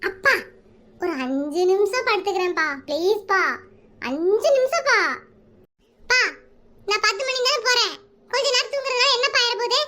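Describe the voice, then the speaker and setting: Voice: extremely high pitch, moderate pace, long pauses, sharp tone. Someone voicing a whiny sleepy cartoon schoolboy. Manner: whiny begging, chatty asides to viewers. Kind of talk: Tamil cartoon comedy dub.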